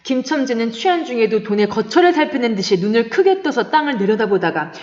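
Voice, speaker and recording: A woman narrating a classic short story in a measured, expressive reading, in a dull, echoey recording. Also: fairly high pitch. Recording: dull-toned echoey recording with long reverb.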